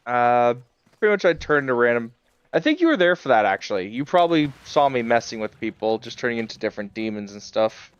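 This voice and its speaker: A man chats casually while live-streaming a game, rambling with many fillers and chuckles. His mid-range voice is clear and resonant, swings widely in pitch, and moves briskly, though the recording sounds muffled.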